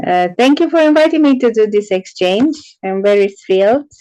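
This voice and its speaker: A woman interviewing a guest in a casual online conversation. She asks measured, curious questions with frequent pauses. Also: a little high, lively intonation, warm tone, dry recording, low-quality recording.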